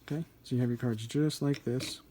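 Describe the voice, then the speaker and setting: Male tutorial host, soft-edged mellow tone, mid-range pitch, informal and thinking aloud. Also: fairly even intonation, a little fast. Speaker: card trick instructor. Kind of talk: casual hands-on tutorial.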